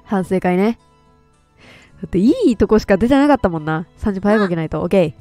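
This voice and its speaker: A woman streamer doing loud, excitable let's play commentary into a close mic. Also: medium pitch, fast, no room sound, faint music behind. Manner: excitable, loud, laughs often. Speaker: game streamer.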